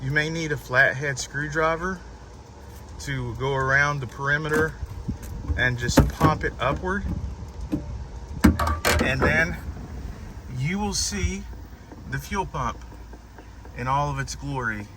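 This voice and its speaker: A man's voice: fairly high pitch, takes it slowly, long pauses, noisy background. A man giving a patient step-by-step car repair walkthrough, guiding a helper as he goes.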